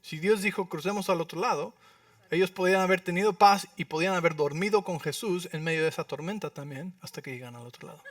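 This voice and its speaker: A male pastor preaching a sermon, acting out prayers and dialogue with sudden loud outbursts and often asking the congregation questions. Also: high-pitched, fast talker, no room sound, recorded from a distance. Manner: asks the congregation for agreement with frequent rhetorical questions. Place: church.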